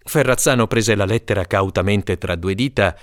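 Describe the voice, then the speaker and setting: A man narrating a comic folk tale in an animated storytelling manner. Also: fairly low pitch, normal speed, dry recording, studio quality. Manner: lively, animated storytelling with character voices.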